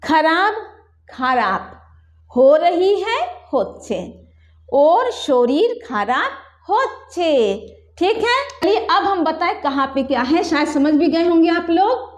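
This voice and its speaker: High-voiced woman teaching a language lesson. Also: expressive, reverberant. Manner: patient, slows down on example phrases. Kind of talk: board lesson, explaining to viewers. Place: room with a whiteboard.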